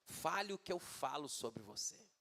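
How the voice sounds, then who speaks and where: A man's voice: a little high, very animated, moderate pace, fairly bright tone, pitched below the performer's own voice, exaggerated voice. A man voicing God, giving firm and fatherly commands. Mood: commanding.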